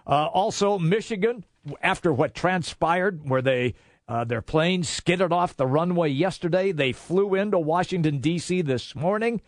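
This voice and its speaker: A man's voice: fairly high pitch, lively intonation, a little slow, dry recording, studio quality. A man co-hosting sports radio in a casual chat.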